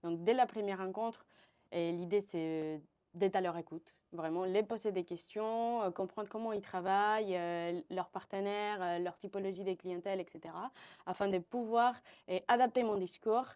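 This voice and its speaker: A woman's voice: medium pitch, moderate pace, a little mellow. A woman in her twenties from Venezuela, answering interview questions with many fillers and restarts. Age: 20s. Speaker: partnership manager, guest.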